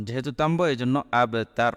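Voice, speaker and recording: A man teaching how to recite a short Quran chapter, spelling out each letter and vowel mark before chanting the verse in long, drawn-out tones. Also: mid-range voice, fairly bright tone, smooth, soft background music. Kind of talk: slow recitation lesson. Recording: long echoing reverb.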